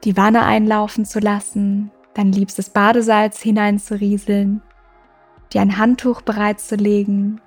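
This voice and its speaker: A woman hosting a meditation podcast, guiding the listener in a soft, slow, soothing way with long pauses. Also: medium pitch. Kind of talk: guided meditation. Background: music.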